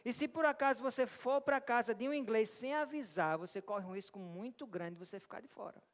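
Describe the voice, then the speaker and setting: A Brazilian pastor with a high male voice gives an energetic, interactive sermon, pulling the congregation in with questions and jokes. He speaks a little fast, and the long reverb of a church hall rings around him.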